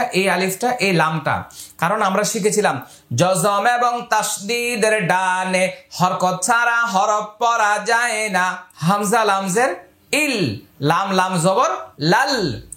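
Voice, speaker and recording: A man teaching Quran reading in Bengali, spelling out letters and vowel marks and drawing words out slowly in recitation. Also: high-pitched, expressive, pushed and bright. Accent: Bangladeshi Bengali. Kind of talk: step-by-step recitation lesson. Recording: echoey room.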